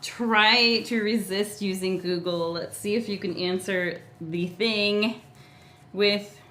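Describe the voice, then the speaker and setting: A woman's voice: medium pitch, fairly even intonation, slow, fairly bright tone. A middle-aged woman teaching a live painting tutorial in a casual, cheerful way, laughing often as she walks through each step. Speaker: painting instructor.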